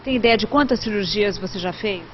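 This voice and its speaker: A woman's voice: medium pitch, a little fast, slight background noise. A woman with a Brazilian accent presenting and reporting in the style of scripted television news. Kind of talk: scripted TV news narration and interviewing. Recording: dull sound with music behind.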